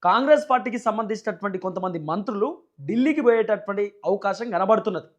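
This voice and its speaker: A high-pitched, expressive man with a Telangana Telugu accent rapidly delivers political news commentary as a channel host. His style is emphatic and repetitive, often built on rhetorical questions.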